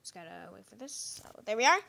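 A woman's voice: medium pitch, sing-song, fast, gravelly, pushed and bright. A woman hosting her gaming channel, giving casual, rambling commentary full of fillers and restarts, recorded on a phone set down nearby.

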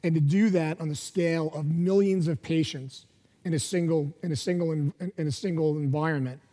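Man on a conference panel, halting, many fillers. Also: on the high side, fairly even intonation, warm tone. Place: large conference hall stage. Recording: long hall reverb.

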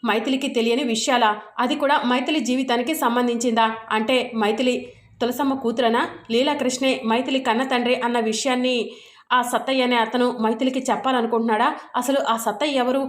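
A woman reading the lines of a scheming elderly grandfather in her own high narrating voice, in an echoey room. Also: fairly even intonation, brisk, close to an everyday voice.

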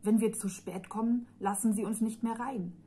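A woman's voice: on the high side, steady tone, moderate pace, a little hiss or hum, lightly acted. A woman reading as an eager young boy. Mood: hurried. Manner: urgent, sharp when defending a friend.

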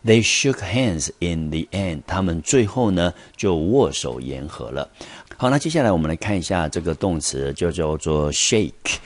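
A man teaching an English vocabulary lesson, explaining patiently and pausing on small fillers. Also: low-pitched, big pitch swings, a little mellow, no echo. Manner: patient explaining, drawn-out pauses on "呢" and "好".

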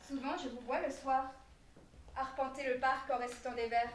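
A woman's voice: high-pitched, little pitch movement, moderate pace, close to an everyday voice. A woman playing a dryly teasing household servant in a stage comedy. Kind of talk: amateur stage comedy acting. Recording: distant, echoey theatre stage, clear noise.

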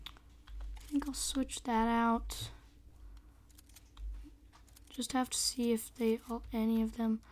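A young woman with a hoarse, squeaky voice that breaks into a whispery rasp, giving excitable, chatty, casual commentary on a game. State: hoarse, losing voice. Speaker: gaming video host.

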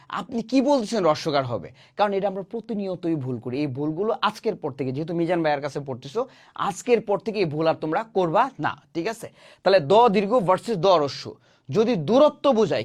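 Male tutor, high voice, repetitive question-and-answer drilling style. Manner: drills with call-and-response questions, answering them himself. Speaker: grammar teacher. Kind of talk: classroom-style grammar lesson.

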